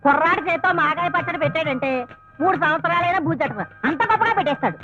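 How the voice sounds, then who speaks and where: A woman's voice: extremely high pitch, racing, bright, forceful tone. An actress playing a bossy, scolding middle-aged woman in a comedy film. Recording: dull old film soundtrack with music.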